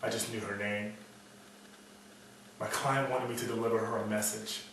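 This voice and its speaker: A hard-boiled, world-weary detective, acted by a man mutters his bleak noir monologue in a lowish voice. He broods like a cynic telling an old story. The recording is very echoey and set back from the mic, with a little noise. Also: flat delivery, normal speed, fairly bright tone, natural voice. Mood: weary, brooding. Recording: echoey room, distant mic, faint noise.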